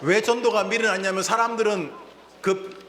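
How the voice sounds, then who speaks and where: The senior pastor's voice sits high and is fairly bright, moving at a moderate pace with fairly even intonation. He delivers a sermon in a reverberant church sanctuary, calling out lines for the congregation to answer and repeat.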